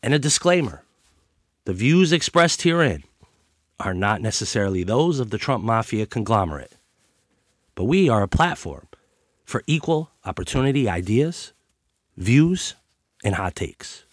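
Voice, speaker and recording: A man's voice: medium pitch, sing-song, measured pace, long pauses, dry recording, studio quality. A man hosting a political talk show and street interview, sick with a worn voice, speaking in a brash, profane, tough-guy way. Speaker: podcast host interviewing a guest.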